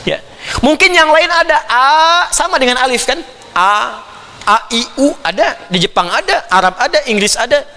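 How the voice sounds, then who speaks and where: A man preaching a Quran commentary lecture to an audience, animated and playful, slipping into imitations of foreign phrases. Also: extremely high pitch, moderate pace, big-room sound, a little hiss or hum. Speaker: Islamic preacher.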